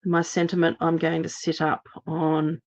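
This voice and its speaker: An Australian woman, slightly hoarse from laryngitis, chats through a live card-making demo at her craft table. Her voice is low and her pace measured as she gives steady, step-by-step instructions.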